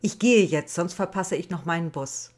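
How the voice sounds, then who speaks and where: A woman's voice: low voice, animated, normal speed, slightly rough. A woman voicing a defiant, easily irritated eighteen-year-old schoolgirl in a storybook reading. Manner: grumpy, defiant.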